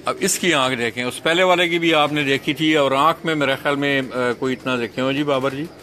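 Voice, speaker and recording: A man's voice: mid-range voice, a little fast, pushed and bright, a little hiss or hum. A man showing pigeons to the camera, talking viewers through each bird and giving short instructions to a helper. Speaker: pigeon fancier vlogger. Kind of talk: explaining to camera, guiding a helper. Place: rooftop pigeon loft outdoors.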